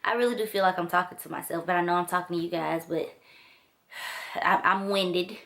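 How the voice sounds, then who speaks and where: Chatty low-voiced woman reviewing a book. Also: fairly even intonation, moderate pace, gravelly, fairly bright tone. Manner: chatty, enthusiastic, loose filler-heavy talk. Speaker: book vlogger. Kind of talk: casual book review to camera. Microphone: camera mic.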